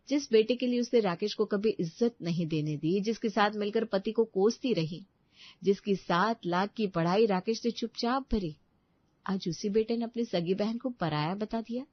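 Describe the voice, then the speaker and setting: A woman narrating a family moral story in an even, measured way. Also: mid-range voice, no room sound, dull audio.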